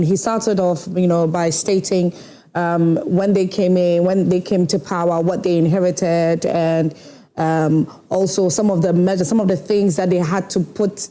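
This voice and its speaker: Woman, TV host, mellow tone, measured questions, studio panel. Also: mid-range voice. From Ghana. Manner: measured, steers the conversation. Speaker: TV show host. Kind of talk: moderating a panel debate.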